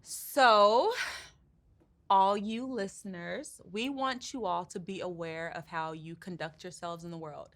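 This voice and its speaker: A woman's voice: lowish voice, fairly even intonation, unhurried. Blunt sarcastic podcaster, a woman acting. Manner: blunt, sarcastic, swears freely. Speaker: podcast co-host. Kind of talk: comedy sketch.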